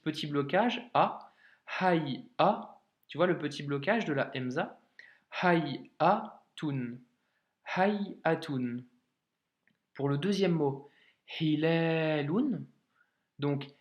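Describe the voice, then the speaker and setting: A man teaching Arabic reading in a casual video lesson, speaking informally to the learner with many hesitations and slowing down to sound out words syllable by syllable. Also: a little high, reverberant.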